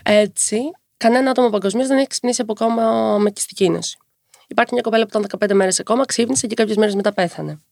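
A woman in her twenties, a podcast guest who talks quickly and tells her story with wry humor. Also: mid-range voice, vocal fry, no room sound, studio quality. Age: 20s. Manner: fast-talking, lively storytelling with wry humor. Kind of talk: casual conversational interview.

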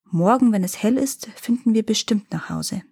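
A small, brave boy from a storybook, high and bright, piping up squeaky to fool a giant, as a woman reader puts him on. Her slightly husky voice sounds close and dry. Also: normal speed. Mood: reassuring.

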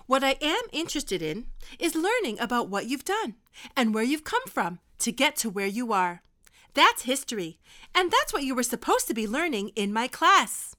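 A woman's voice: high voice, very animated, normal speed, sharp tone, full character voice. A woman acting a stern, lecturing history teacher keeping two students in detention. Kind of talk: audio drama acting.

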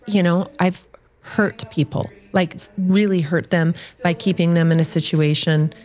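A woman's voice: lowish voice, fairly even intonation, measured pace, a little mellow. A woman hosting a casual podcast discussion, talking in a reflective way and asking the others questions.

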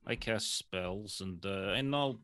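Low nomad mystic, a man putting him on, broken English, dry sound. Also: slow, fairly bright tone, smooth, no echo. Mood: earnest. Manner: drops articles, repeats "yes, yes". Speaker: tabletop player.

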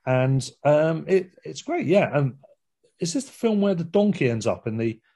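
Man, casual film chat, rambling, husky voice. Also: on the high side, lively intonation, moderate pace, mellow. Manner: rambling, with frequent fillers and laughs.

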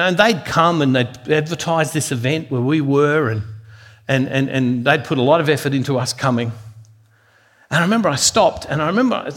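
An earnest man delivers a devotional sermon woven with personal stories, repeating words as he builds each point. His voice sits on the high side with a slightly bright quality.

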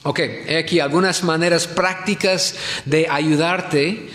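Slow-speaking man preaching in an echoey hall. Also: a little high, steady tone, fairly bright tone. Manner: asks the audience questions and repeats himself. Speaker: pastor teaching a conference. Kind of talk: conference sermon. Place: church hall in Ecuador.

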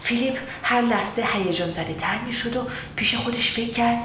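A woman storyteller reading a children's tale in calm, measured narration. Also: a little high. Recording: roomy echo with background noise.

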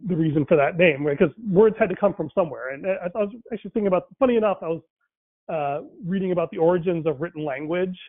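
Faith and language are the topics for this man, a native Tamil speaker with a voice on the high side who speaks fast. He muses casually, restarting and filling pauses often, and the audio is dry and tinny like a phone call.

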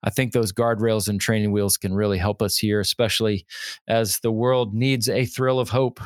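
A man's voice: fairly low pitch, fairly even intonation, normal speed, dry recording, clean studio sound. A man who coaches pastors, talking casually on a podcast and quoting hymns and Scripture with rising emphasis.

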